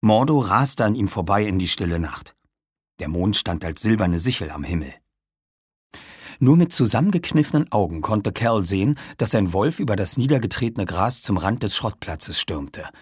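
A man narrating an audiobook with lively, dramatic storytelling. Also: low voice, normal speed, breathy edge, no echo, studio quality.

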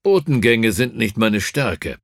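A man voicing the Doctor as a lazy, sardonic gentleman in an audiobook, with a drawling, mocking manner. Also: on the low side, lively intonation, slow, vocal fry, no room sound, studio quality, heavily acted. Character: lazy, sardonic male time-traveller, aloof gentleman.

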